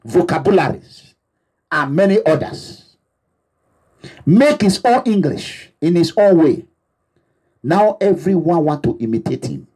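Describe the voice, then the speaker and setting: This Nigerian activist leader, speaking abroad, delivers a passionate, repetitive sermon-style address to his followers. His slightly high voice is sing-song, a little mellow and husky, and he talks a little slowly with frequent pauses.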